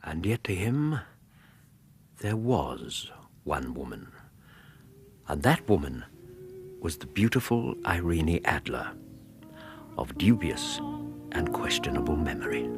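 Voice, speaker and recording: An actor playing a reflective, loyal English gentleman doctor, narrating a radio drama in a measured, literary manner. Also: soft background music, heavily acted. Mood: solemn, hushed. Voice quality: husky, low. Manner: measured, expressive, literary phrasing.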